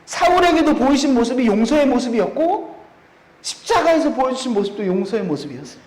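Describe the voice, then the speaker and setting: A man's voice: very high-pitched, big pitch swings, a little fast, a little mellow. A man preaching a sermon in a church, often putting rhetorical questions to the congregation. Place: church sanctuary. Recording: echoey church room.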